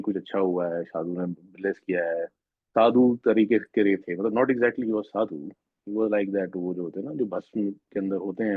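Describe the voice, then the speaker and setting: A man's voice: lowish voice, dry recording. A man earnestly telling a rambling personal story of a spiritual experience at a devotional gathering, often restarting his sentences. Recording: tinny phone-like sound, dry.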